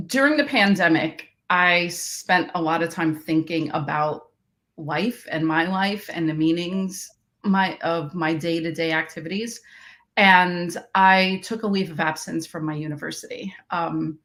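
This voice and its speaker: A fairly low-pitched woman's voice with a fairly bright tone takes things slowly. The speaker, a math education researcher from Queens, New York, is a podcast guest in an interview conversation, reflecting on her story and often starting sentences over.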